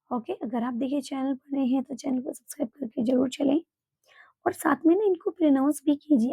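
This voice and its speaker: A woman teaching English pronunciation in a spoken English lesson, explaining slowly and repeating example words. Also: high-pitched, warm tone, no echo. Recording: dull, dry, lo-fi home recording.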